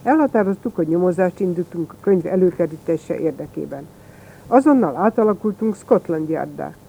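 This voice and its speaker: A reader tells a first-person story in a plain, even way. The voice is mellow and dark, and the recording sounds slightly dull and lo-fi. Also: mid-range voice, vocal fry, a little hiss or hum. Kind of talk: storybook narration.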